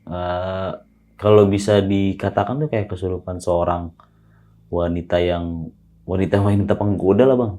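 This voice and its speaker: A young man tells a story in a loose, casual way, using plenty of slang. His voice sits low and sounds dark and mellow. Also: moderate pace. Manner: relaxed slangy retelling, often adds "Bang". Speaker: guest storyteller.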